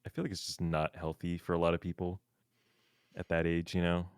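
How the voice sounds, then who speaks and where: A man's voice: deep voice, monotone, brisk, clean tone, no echo, studio quality. A young man streaming casually with a friend, rambling with lots of fillers and frequent laughs. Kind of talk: casual chat.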